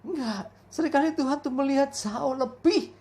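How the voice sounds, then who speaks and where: A woman's voice: high voice, normal speed, dark tone. A woman preaching a family worship sermon, telling stories with frequent fillers.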